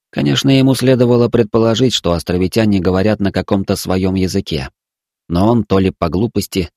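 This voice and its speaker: Male audiobook narrator, low voice, dry close sound. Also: a little mellow, no echo. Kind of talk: audiobook reading.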